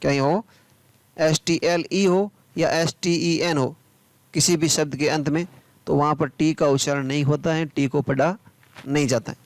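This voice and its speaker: Man, teacher, spells words letter by letter, slow patient delivery, slightly higher voice, dry close sound. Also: steady tone, no room sound. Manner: spells words out letter by letter, then slowly says them; asks the viewer questions and answers them himself. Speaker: English teacher. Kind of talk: spoken English pronunciation lesson.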